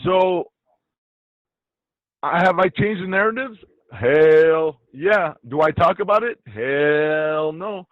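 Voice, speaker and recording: Blunt, animated man, lo-fi dry sound. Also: fairly high pitch, slow pace, no room sound. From Iraq. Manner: blunt, animated, swears freely. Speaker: interview guest, YouTuber. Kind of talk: casual interview talk.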